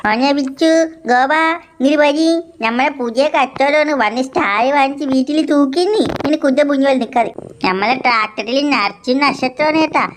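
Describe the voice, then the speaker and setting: A woman's voice: high voice, a little fast, a little hiss or hum, natural voice. A woman voicing a grumbling, comic uncle. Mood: scolding. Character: grumbling uncle Gopa, a man.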